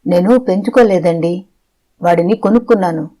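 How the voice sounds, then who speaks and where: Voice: mid-range voice, mellow, natural voice. A narrator of an audiobook voicing a frightened grey-haired old woman who presses out each word with effort. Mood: pleading. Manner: slow, pressed words pulled together with effort.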